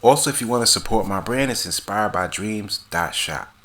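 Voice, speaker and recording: A man's voice: on the low side, lively intonation, moderate pace, sharp tone, a faint crowd. A man hosting his own commentary channel, greeting viewers with energy. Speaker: channel host. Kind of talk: casual commentary vlog.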